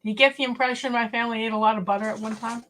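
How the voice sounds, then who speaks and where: A woman's voice: fairly high pitch, fairly even intonation, rapid-fire, a bit bright. A woman from New England hosting a casual live stream, chatting with viewers and reading recipe lists aloud from an old cookbook. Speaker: homestead channel host.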